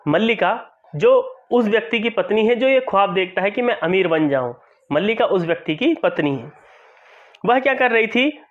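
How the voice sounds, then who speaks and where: A male teacher with a high voice walks through a school lesson, explaining each line and repeating phrases to make them clear. The recording sounds dull and lo-fi.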